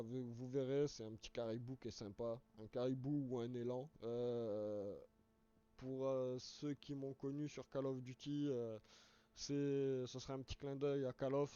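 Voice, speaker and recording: A man with a hoarse voice, casually talking viewers through a game on a live stream, rambling and restarting words as he explains each step. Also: medium pitch, mellow. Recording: dull lo-fi stream audio.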